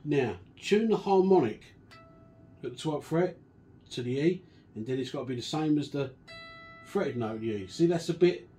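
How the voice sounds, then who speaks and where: A man casually walking through a guitar restoration and explaining each step in a relaxed, chatty way. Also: on the high side, moderate pace, long pauses, breathy edge. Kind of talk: casual workshop demonstration.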